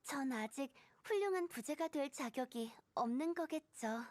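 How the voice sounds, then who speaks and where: A woman voicing a cheerful young female deaconess and healer in a game dub, with a boyish, slightly husky voice. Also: high-pitched, animated, very fast, darkish tone. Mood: earnest, gentle.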